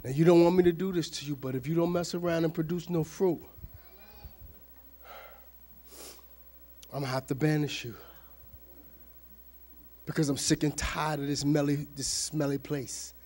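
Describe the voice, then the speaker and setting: A preacher voicing Jesus, fed up. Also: male voice, a little high, steady tone, fairly quick, dark tone, voice pushed down, natural voice. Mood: angry, scolding. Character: angry fed-up Jesus scolding his people.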